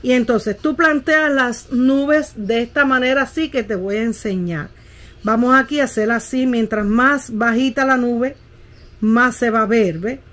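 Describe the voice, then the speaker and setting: A woman's voice: fairly high pitch, measured pace, fairly bright tone. A middle-aged woman, teaching how to paint a landscape in a casual tutorial and often checking that the viewer follows. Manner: patient, keeps asking "¿ve?" while demonstrating.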